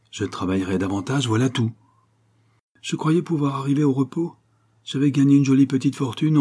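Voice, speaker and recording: A man's voice: medium pitch, warm tone, slightly rough, voice pushed up, lightly acted. A man playing a troubled middle-aged painter father, talking lightly and reassuringly over his strain.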